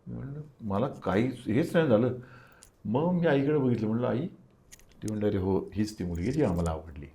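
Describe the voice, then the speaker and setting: A man's voice: lowish voice, animated, a little fast, vocal fry, dark tone. An older man, an interview guest, telling a personal story and acting out the dialogue of the people in it.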